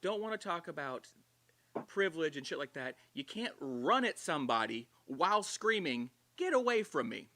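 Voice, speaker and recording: A man co-hosting a casual livestream, loud, excitable and swearing freely. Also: on the high side, moderate pace. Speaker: co-host.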